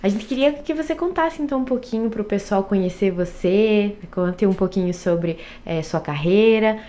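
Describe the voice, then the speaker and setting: A woman's voice: mid-range voice, moderate pace, mellow. A woman hosting a podcast, introducing a guest and asking friendly, informal questions. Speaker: podcast host.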